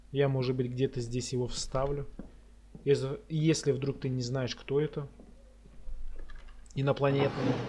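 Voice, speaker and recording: A man's voice: medium pitch, darkish tone, a little hiss or hum. A man giving casual commentary on a horror game playthrough as a scared, jumpy streamer who mutters and swears as he reacts.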